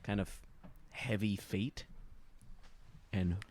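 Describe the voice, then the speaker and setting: Deep-voiced man running a tabletop game. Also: drawn-out words, heavy background noise. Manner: relaxed, describing scenes with fillers. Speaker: game master.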